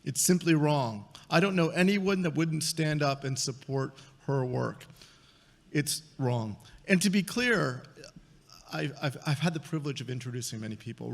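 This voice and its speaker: Speaking from the stage of a large conference hall, a gravelly, medium-pitched man introduces a speaker in a formal address. He's earnest and emphatic and tends to repeat words. A lectern microphone captures him, with hall reverb audible.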